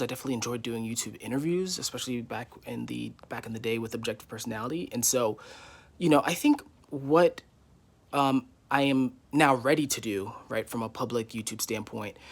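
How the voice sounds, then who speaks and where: Rambling candid man in his twenties. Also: medium pitch. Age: 20s. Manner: rambling, filler-heavy, candid. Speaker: YouTuber. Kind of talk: casual vlog update. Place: living room.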